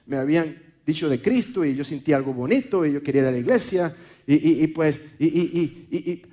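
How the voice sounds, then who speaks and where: A Venezuelan-accented man from Maracaibo preaches a sermon, repeating words often, tripping over fillers, and addressing his listeners as brother. His voice is slightly high and somewhat mellow.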